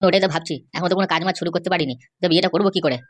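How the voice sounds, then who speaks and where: A woman's voice: fairly low pitch, rapid-fire, lightly acted. A woman voicing a worried young cartoon man who rambles on about his girlfriend's family. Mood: grumbling. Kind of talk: cartoon voice acting.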